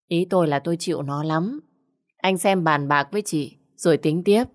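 Gruff pushy village woman, a lady reading puts her on, low and scolding. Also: moderate pace, lightly acted. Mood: scheming. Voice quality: gruff booming voice. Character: fat fierce older village woman, loud and bossy.

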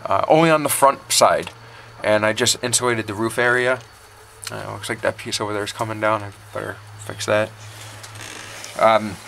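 Gravelly and sharp, the man's voice is on the low side. As a backyard chicken vlogger, he delivers casual how-to talk in a yard and a small wooden coop, stressing ideas by repeating them. Someone behind a handheld camera records him, and the audio is noisy.

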